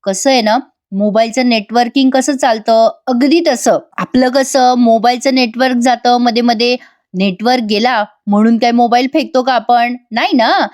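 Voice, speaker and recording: A woman voicing a gently coaxing male lawyer. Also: fairly high pitch, normal speed, close to an everyday voice. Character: calm older male lawyer giving advice.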